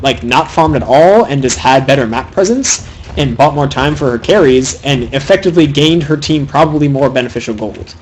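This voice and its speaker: A young man giving fast, opinionated solo commentary on a video game match, critiquing the players' item choices. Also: fairly high pitch, a little hiss or hum, poor audio. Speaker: game caster.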